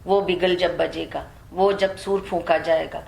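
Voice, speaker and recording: A woman teaching Quran commentary, reciting verses slowly and then explaining them in mixed with English words. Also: lowish voice, fairly even intonation, creaky, darkish tone, reverberant.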